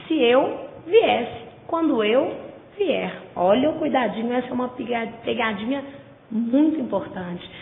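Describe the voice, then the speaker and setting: A woman teaching grammar in a lecture, with a Brazilian Portuguese accent, drawing words out slowly to stress their syllables. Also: a little high, a little hiss or hum. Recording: tinny, echoey lo-fi recording.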